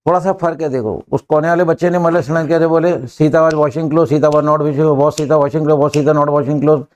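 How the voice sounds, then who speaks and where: An older man teaching an English class in a classroom, brisk and joking, pushing students to answer quickly. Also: fairly high pitch, steady tone, a little mellow.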